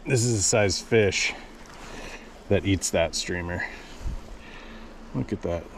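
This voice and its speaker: Excitable man fly fishing a river. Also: low voice, takes it slowly, a little hiss or hum. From United States. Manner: excitable, exclaims at every strike, talks to the fish. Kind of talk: casual self-filmed commentary. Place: outdoors on a forest river. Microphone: action camera worn on the body.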